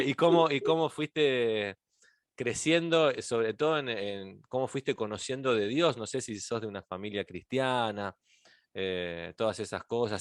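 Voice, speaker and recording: A man with a Rioplatense accent hosting a podcast interview, relaxed and friendly, asking long rambling questions. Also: medium pitch, dry recording, clean studio sound. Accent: Rioplatense Spanish. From Argentina. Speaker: podcast host. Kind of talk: conversational interview.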